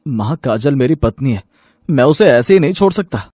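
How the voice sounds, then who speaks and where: A man's voice: mid-range voice, lively intonation, moderate pace, dark tone, no room sound, clean studio sound, lightly acted. A man voicing a loyal young husband in a cartoon story, speaking earnestly and firmly.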